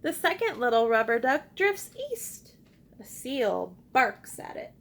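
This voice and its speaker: Reading a picture book a little slowly, a high-voiced woman teacher keeps young children engaged with simple questions and call-and-response prompts. Her delivery is warm with encouragement and full of expression.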